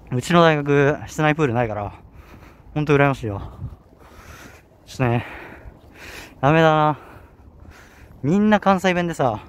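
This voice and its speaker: A young man with a Kanto accent talking casually while walking a hilly campus outdoors, slightly out of breath and often correcting himself. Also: fairly high pitch. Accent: Kanto Japanese. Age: young adult. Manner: rambling, self-correcting, chatty. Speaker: vlogger. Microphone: handheld camera.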